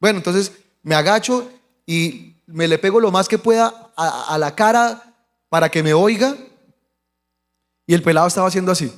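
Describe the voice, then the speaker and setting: Here a male pastor with a Colombian Spanish accent and a high-sitting voice talks at a moderate pace. Sharing his own story as a sermon testimony, he narrates lively and imitates the voices of those involved, all within a long, echoing hall.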